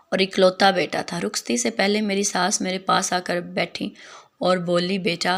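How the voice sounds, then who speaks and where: A woman's voice: medium pitch, creaky, a bit bright. A woman narrating a dramatic story in the first person, in a plain, earnest way.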